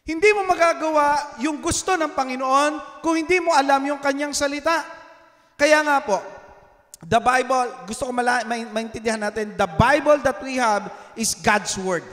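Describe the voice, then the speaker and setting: Male Filipino pastor, animated sermon, high voice, long church reverb. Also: normal speed. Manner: animated, teasing, mixes Tagalog and English, asks the congregation questions. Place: church hall.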